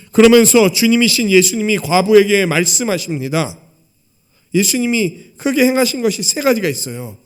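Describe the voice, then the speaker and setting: Lively-voiced man preaching a sermon. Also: high voice. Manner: conversational, asks the congregation questions; acts out quoted lines, dropping to a hush. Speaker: pastor.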